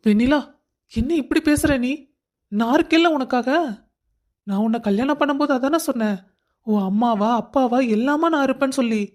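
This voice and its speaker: A woman's voice: high voice, moderate pace, pauses often, darkish tone, natural voice. A woman playing a fond, busy young husband. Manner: coaxing, affectionate scolding. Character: young husband, busy office worker, gently teasing.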